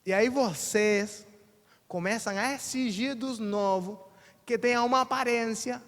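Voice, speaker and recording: High-voiced Brazilian pastor preaching. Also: male voice, unhurried, fairly bright tone. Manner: colloquial, acts out quotes in different voices. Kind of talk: sermon. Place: church sanctuary. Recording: long church reverb.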